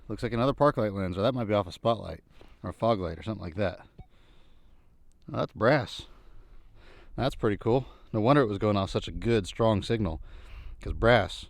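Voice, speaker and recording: A man with a fairly low voice talks quickly through a casual outdoor vlog. He is folksy and muses aloud as he works. The sound is dry and close, with no echo. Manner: folksy, thinking aloud, musing. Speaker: vlogger narrating a treasure hunt. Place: outdoors in an old junkyard.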